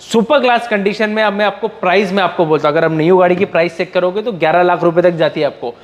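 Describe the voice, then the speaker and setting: An Indian man from the Mumbai car trade giving a slick used car salesman's pitch, reeling off models and prices with repeated catchphrases. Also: quick pace. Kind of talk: sales pitch to camera, listing cars and prices.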